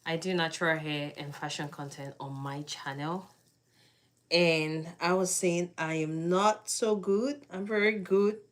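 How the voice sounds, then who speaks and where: A woman's voice: deep voice, steady tone, unhurried. A young woman from Cameroon chatting casually with viewers on a live stream. She is easygoing and laughs often. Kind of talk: casual livestream chat to viewers.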